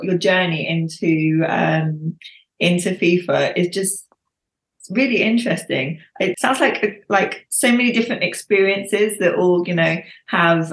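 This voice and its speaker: A woman's voice: fairly low pitch, echoey room. A young woman hosting a podcast interview, speaking with many fillers and hesitations. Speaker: podcast host.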